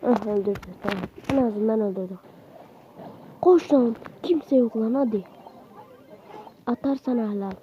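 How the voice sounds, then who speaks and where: A somewhat high-pitched woman commentates her own game as she plays. She is excitable, egging her teammates on with quick slangy shouts. Clear background noise and game clicks sit under her voice. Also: muffled recording. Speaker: gaming channel host. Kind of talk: live gameplay commentary.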